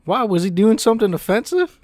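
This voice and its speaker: Voicing a tabletop game character, a man uses a high-pitched, darkish tone to portray a simple, folksy adult brother with a drawling country dialect. The performance is very animated and fairly quick, full of worried exclamations.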